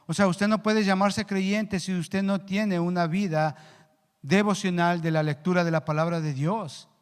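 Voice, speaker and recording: A male pastor preaching a sermon earnestly, rising in pitch and volume for emphasis and slowing down on key words. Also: steady tone, clear, resonant tone. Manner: slows down to stress key words. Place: church hall. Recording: long church reverb.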